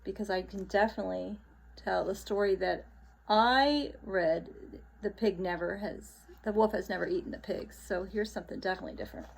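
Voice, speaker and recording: This rough recording captures a woman with a medium-pitched, creaky voice talking a little fast. She is a teacher giving a read-aloud lesson to children, stopping for asides that explain the story and ask the young listeners questions.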